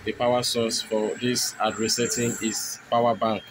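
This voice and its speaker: A man narrating a step-by-step phone tutorial, explaining each button press in steady, repetitive phrasing. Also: on the low side, normal speed, noisy background. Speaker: tech tutorial host.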